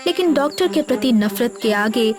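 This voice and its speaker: Woman narrating a storybook, fairly high voice. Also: animated, normal speed. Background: background music.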